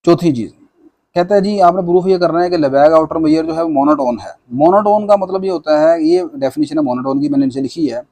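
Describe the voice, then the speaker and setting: A man's voice: on the high side, a little fast, mellow. A man teaching a maths lecture, patiently walking through proofs. He mixes English maths terms into his speech and often checks in with "theek hai na".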